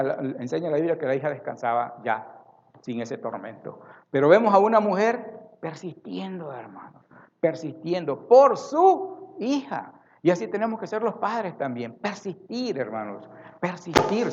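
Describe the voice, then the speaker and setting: A man's voice: on the high side, a little mellow, muffled recording. A man preaching a sermon as a pastor in a church, emphatic and repeating words for stress.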